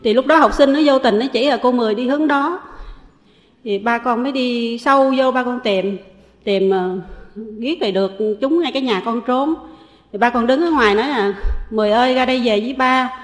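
A middle-aged woman with a southern Vietnamese accent, earnestly confessing her past in a halting way with frequent pauses. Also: on the high side, big-room sound. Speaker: testifying lay Buddhist. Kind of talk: personal confession.

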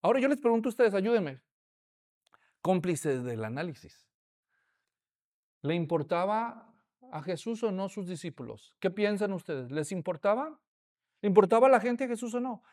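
Male preacher, animated sermon storyteller who questions his audience. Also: sits high.

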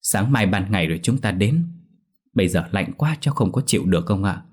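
A man voicing a cheeky young grandson who scares easily, often shouting in panic, in a spoken ghost story. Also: on the low side, animated, a little fast, breathy edge. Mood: cheeky pleading.

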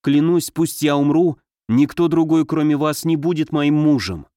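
A man's voice: a little high, normal speed, dark tone, no echo, studio quality, natural voice. A man voicing a frightened young woman who vows earnestly and anxiously in an audiobook.

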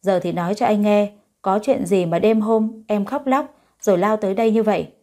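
A woman voicing a gentle, caring young man in an audio story, speaking in a calm, soothing way. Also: mid-range voice, normal speed, close to an everyday voice. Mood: tender.

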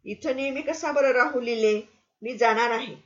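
A woman voicing a kind, generous traveling gentleman who speaks gently and affectionately. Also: on the high side, normal speed, highs cut off, close to an everyday voice.

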